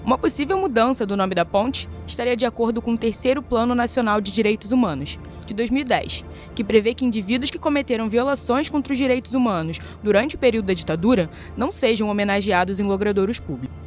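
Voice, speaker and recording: A woman's voice: fairly high pitch, fast talker, soft background music. Earnest Brazilian female narrator. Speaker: podcast narrator. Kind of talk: scripted narration.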